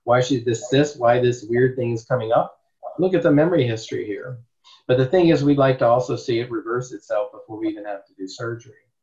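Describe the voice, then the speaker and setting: A male therapist teaches a group in a loose, rambling way, leaning hard on his points and tossing out rhetorical questions. His voice sits at a middle pitch. The recording is dull and lo-fi. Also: fairly quick, a little mellow. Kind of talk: informal teaching talk.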